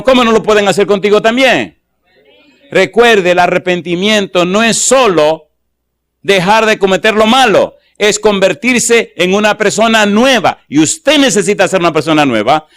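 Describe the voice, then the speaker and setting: A man's voice: high voice, a bit bright. A middle-aged man preaching a sermon to a live church audience, telling a story and asking rhetorical questions. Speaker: pastor.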